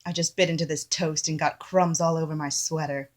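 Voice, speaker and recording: A woman's voice: low voice, fairly even intonation, brisk. Giggly woman reading comic diary entries. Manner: chatty, giggly storyteller. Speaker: comedy performer.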